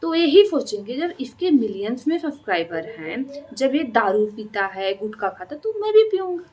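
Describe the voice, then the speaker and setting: A woman's voice: mid-range voice, animated, normal speed, darkish tone. A woman reaction vlogger delivering a scolding, taunting monologue that is full of rhetorical questions.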